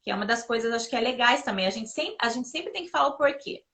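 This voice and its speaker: Woman, mother as guest, bright voice, a bit high, lively anecdotal chat. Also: quick pace. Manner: lively anecdotal, often addresses listeners directly. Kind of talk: casual conversational advice.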